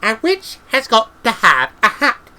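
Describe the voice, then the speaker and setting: A man's voice: high voice, wildly swooping pitch, measured pace, sharp tone, voice pushed up, heavily acted. A man voicing a stubborn, no-nonsense elderly witch woman. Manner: curt, matter-of-fact.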